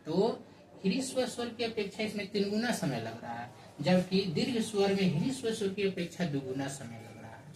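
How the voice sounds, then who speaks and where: A man teaching a Hindi grammar lesson, explaining slowly and repeating himself with many fillers. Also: high voice, big pitch swings, darkish tone, a little hiss or hum. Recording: echoey room, voice far from mic.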